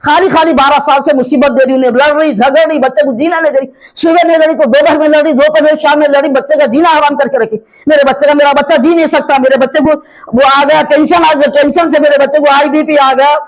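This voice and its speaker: A woman's voice: sits high, steady tone, fast talker, rough recording. An older woman from Hyderabad speaks in a Hyderabadi Urdu accent. She is tearful, and her plea is emotional and repetitive, circling back to the same appeals. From Hyderabad, India. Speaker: complainant speaking to a news reporter. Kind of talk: impassioned pleading statement.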